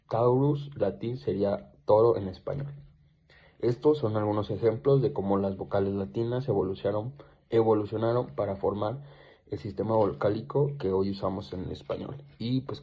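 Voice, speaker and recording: A man reading a class presentation aloud in short, halting pieces. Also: on the low side, breathy edge, muffled recording. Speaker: student presenter.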